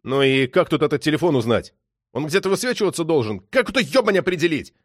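A man voicing a hot-tempered police detective who shouts, swears and threatens. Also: fairly high pitch, sing-song, a little fast, no room sound, clean studio sound, pitched above the performer's own voice. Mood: furious.

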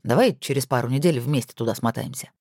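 A woman's voice: rumbling low, fast, mellow, no echo, voice pushed down. A woman voicing a teasing, self-important rich husband on the phone, with dry mock-pompous humor.

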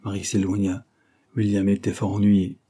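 Husky low-voiced male narrator. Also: completely flat delivery, moderate pace, mellow. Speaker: audiobook reader. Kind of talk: novel narration.

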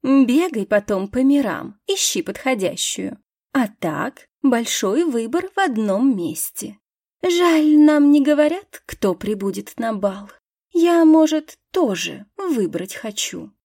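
A woman's voice: a little high, big pitch swings, slow, a little mellow, no echo, clean studio sound, exaggerated voice. A woman voicing a haughty young female aristocrat student who speaks in a mocking, condescending way.

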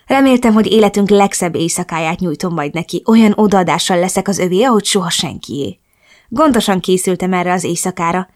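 Soft-spoken woman narrating a romance. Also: lowish voice. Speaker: audiobook narrator. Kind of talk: first-person romance narration.

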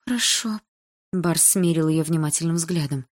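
A woman reading a first-person novel aloud in an even, measured storytelling manner. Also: low-pitched. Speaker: audiobook narrator.

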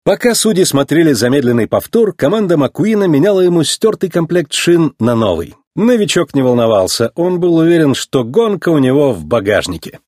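A man's voice: a little high, sing-song, fairly quick, hardly any pauses, a little mellow, no room sound, studio quality. A man narrating a children's story as an audiobook, reading expressively.

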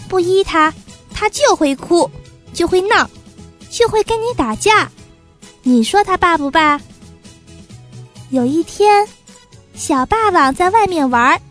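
A woman reads a children's story aloud in a very high, expressive voice. She takes her time, and the recording is dry and close with faint music behind her. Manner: expressive, unhurried narration.

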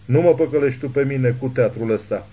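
A man voicing a crazed, hateful old woman who spits forceful accusations in an audiobook. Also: medium pitch, husky, close to an everyday voice. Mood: menacing.

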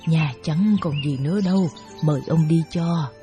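A woman's voice: sits low, moderate pace, mellow, soft background music, natural voice. A woman playing a dismissive, scolding village wife. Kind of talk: radio play acting.

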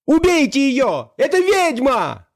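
A man's voice: very high voice, wildly swooping pitch, slow pace, pitched above the performer's own voice, heavily acted. A man reading an audiobook, voicing a furious, treacherous male usurper who screams his orders. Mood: raging. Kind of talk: audiobook character voice.

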